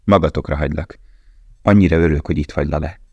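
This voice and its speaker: A man reading the part of a loyal young woman prisoner, soft and heartfelt in a storybook. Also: rumbling low, no room sound.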